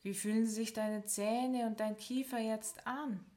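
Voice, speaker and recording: A woman leading a guided progressive muscle relaxation, giving calm step-by-step instructions and counting down slowly with long pauses. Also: fairly high pitch.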